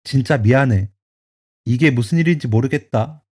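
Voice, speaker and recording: A man's voice: mid-range voice, moderate pace, darkish tone, slightly rough, lightly acted. A man voicing a young husband who pleads with his mother and apologizes to his wife, near tears, in a storytelling radio drama. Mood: remorseful.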